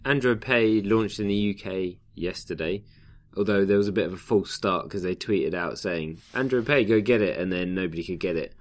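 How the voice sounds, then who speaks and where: A man's voice: deep voice, steady tone, moderate pace, hardly any pauses. A man hosting a tech podcast, explaining the news casually in long, loose runs. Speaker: podcast host.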